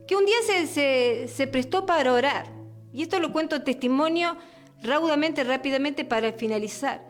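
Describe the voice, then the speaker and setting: A woman preaches on the radio in a high, earnest voice. She circles back over her words and fills her prayer with repeated calls to the Father and the Lord. Faint music sits underneath. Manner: earnest, repeats words and restarts, prayer full of "Padre" and "Señor".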